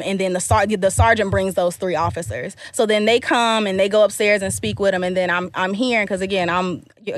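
A woman tells a long story in relaxed podcast chat, slipping into the voices of the people she quotes. Her voice sits at a middle pitch and is recorded close, with almost no room sound. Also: no room sound. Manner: animated storyteller, acts out quotes, laughs often. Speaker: guest telling a story.

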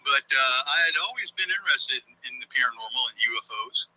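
A man's voice: mid-range voice, animated, bright, forceful tone, poor audio. Older man heard through a speakerphone. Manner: halting, many ums and uhs. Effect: heard over a speakerphone. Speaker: guest. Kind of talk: casual interview talk.

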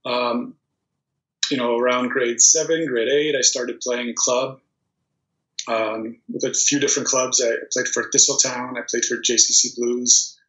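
This volleyball player, a Polish-born man in his thirties, chats unhurriedly in a mid-range voice while being interviewed. His easygoing storytelling is peppered with ums and false starts, and the remote recording sounds dull and echoey.

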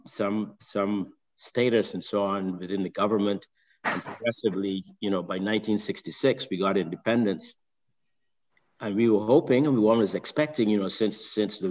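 An older man with a Barbadian accent from Barbados, calling in with a long, halting comment full of restarts and repeated words. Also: fairly low pitch. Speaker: caller. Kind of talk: call-in question. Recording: long reverb.

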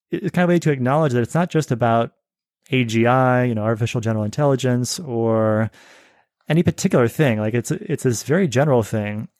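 A man's voice: mid-range voice, darkish tone, no room sound. A man speaking as a podcast guest in casual conversation, thoughtful and explanatory with dry humor. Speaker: guest, newsletter writer.

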